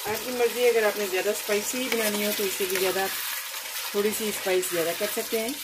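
A woman, casually talking through a home cooking recipe step by step, unhurried and full of fillers. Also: medium pitch, steady tone. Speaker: home cooking channel host. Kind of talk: casual cooking tutorial voice-over. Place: home kitchen at the stove. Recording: loud cooking noise behind voice. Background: loud sizzling and frying from the pan.

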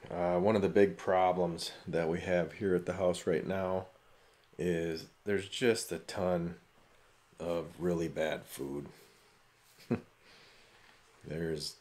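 A middle-aged fitness vlogger with a deep, slightly mellow voice talks casually to the camera. Chatty and admittedly a complainer, he records first in his parked car, then beside a truck, and then in his home office.

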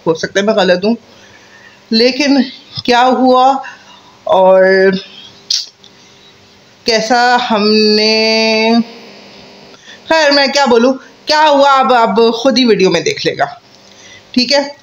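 A woman's voice: a little high, slow pace, long pauses, lo-fi sound. A woman from Pakistan, talking through cloth as she chats in a casual vlog intro and pleads with viewers to comment and subscribe. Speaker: food vlogger.

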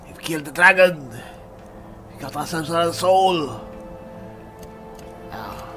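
A man role-playing a boisterous barbarian adventurer in halting, exclamatory video game commentary. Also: on the high side, expressive, sharp tone, faint music behind. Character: boisterous male barbarian adventurer eager to fight. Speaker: player and host of a role-play gaming series. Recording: clear background noise, game ambience.

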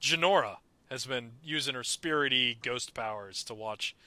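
A young man co-hosting a podcast, chatting excitedly about a cartoon and breaking into mock voices. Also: mid-range voice, moderate pace, no room sound. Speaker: podcast co-host. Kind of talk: casual chat about a cartoon.

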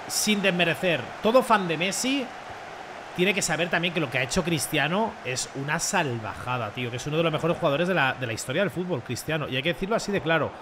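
A young man commenting excitedly on his own football video game match, joking and shouting at big plays. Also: a little high, background noise. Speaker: gaming streamer.

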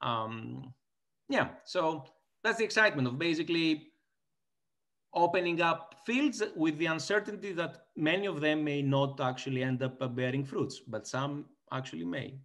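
Recorded through a laptop webcam in a small indoor room, this guest economist from Greece, a man in his forties, answers interview questions on a video call in conversational fashion. His Greek-accented voice runs on the high side, fairly bright, at a moderate pace, and his thoughtful replies are filled with fillers and restarts.

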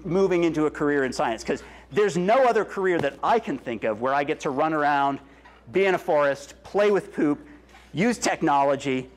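This middle-aged presenter, fairly high in pitch, excitedly explains science to schoolchildren and fields their questions, weaving Spanish phrases into English. He walks around gesturing in a large cafeteria full of kids, wearing a wireless headset or lapel mic. It's recorded from a distance in a roomy space, with children making noise in the background.

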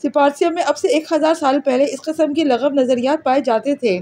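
A woman voicing a calm, superior alien girl from another planet in an audiobook, explaining things patiently. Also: high-pitched, natural voice. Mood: lecturing. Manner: patient, lecturing, matter-of-fact. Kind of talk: audiobook character reading.

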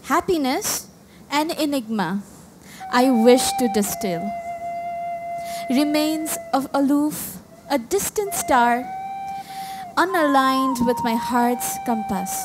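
A young woman with a Nepali accent reading her poem slowly and carefully at an open mic. She reads from her phone into a stand mic on a small cafe stage and sometimes restarts a word. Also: sits high, expressive, over music, rough recording. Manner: slow, measured recitation read from a phone, with restarts. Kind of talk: poetry reading. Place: small cafe stage in front of a brick wall.

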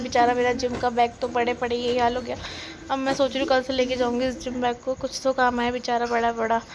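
A woman's voice: high-pitched, background noise. A young woman in her twenties narrating her day in a casual vlog voice-over. She chats and grumbles playfully, and her throat is slightly sore. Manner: chatty, complaining in a playful way. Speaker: vlogger. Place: indoors at home.

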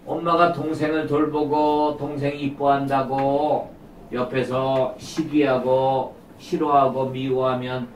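A woman narrates a puppet show in a slow, teacherly way, putting questions to small children. Her voice sounds echoey and distant, as if taken from across the room, with faint noise in the background. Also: a bass voice, little pitch movement. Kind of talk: addressing preschool audience. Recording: roomy, distant live room recording.

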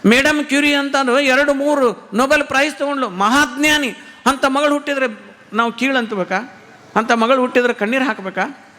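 A man with a North Karnataka Kannada accent delivers a sermon in a very high, bright, forceful voice. He hammers his points home with repeated rhetorical questions, and his voice rings out with a long hall reverb. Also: normal speed. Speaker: religious teacher giving a discourse.

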